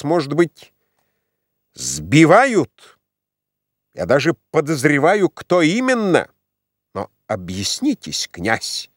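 A man's voice: on the high side, dry recording, studio quality, pitched above the performer's own voice, exaggerated voice. A man reading an audiobook, voicing an imperious middle-aged mother who is demanding, insistent and exasperated.

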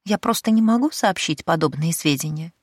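A woman voicing a cheeky, sharp-tongued young maidservant in an audiobook, with a mocking, teasing manner. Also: lowish voice, animated, a little fast, no echo, clean studio sound.

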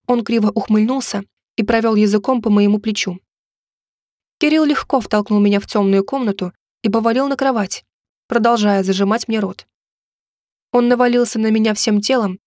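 A woman reading a romance novel aloud in expressive first-person narration. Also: on the high side, dry recording, clean studio sound. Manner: expressive storytelling delivery. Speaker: audiobook narrator.

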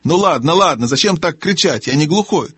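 A cantankerous old dwarf lord, as a male narrator puts him on, deaf and loud, forever mishearing and grumbling. The voice sits high above the narrator's own and is husky and dry, in a storybook reading. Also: expressive, brisk, no echo. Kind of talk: audiobook character voice.

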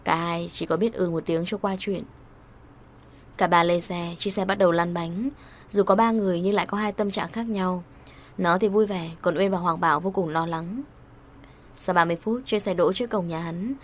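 A woman narrating an audio story at a steady, brisk reading pace. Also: fairly low pitch, slight background noise.

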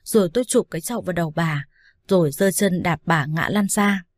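Low-voiced woman reading a story. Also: brisk, no room sound, studio quality. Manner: steady, even storytelling. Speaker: narrator. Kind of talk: scripted audiobook narration.

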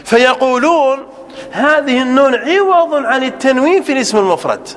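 Male grammar teacher, high voice, dictates slow repeated examples, sometimes drifting off-mic in the classroom. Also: expressive, a bit bright. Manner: asks rhetorical questions and repeats examples slowly.

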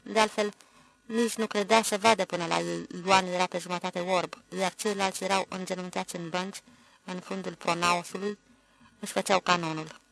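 Gravelly-voiced audiobook narrator. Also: medium pitch, fairly even intonation, fairly bright tone, rough recording.

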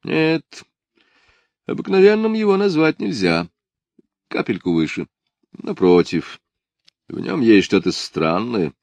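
A man doing a gruff mocking painter. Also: mid-range voice, very animated, takes it slowly, long pauses, a little mellow, no echo, pitched above the performer's own voice, exaggerated voice. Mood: sardonic. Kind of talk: audiobook character voice.

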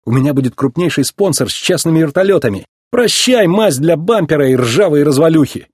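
A man playing a cocky young race car, eager and a little full of himself, his words coming quick and keen. The voice is pitched high and lively, with a husky grain, and it sounds dry and close. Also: dry recording. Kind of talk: storybook reading.

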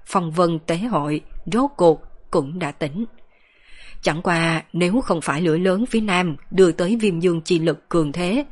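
Woman reading a novel out loud, steady, kinda low voice. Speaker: audiobook narrator. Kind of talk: scripted narration.

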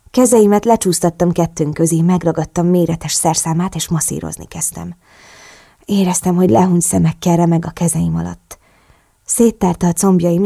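Low, gravelly-voiced woman narrating intimately. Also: warm tone, no room sound, studio quality. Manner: slow, intimate and sensual. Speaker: audiobook narrator. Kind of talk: first-person audiobook narration of a romance novel.

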